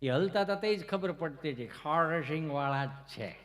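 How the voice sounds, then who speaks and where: A man telling comic stories on stage, chatty and anecdotal, acting out the other people's voices and breaking into loud chanted verse. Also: fairly high pitch, expressive, moderate pace. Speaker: folk comedian and storyteller. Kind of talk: Gujarati comic storytelling on stage.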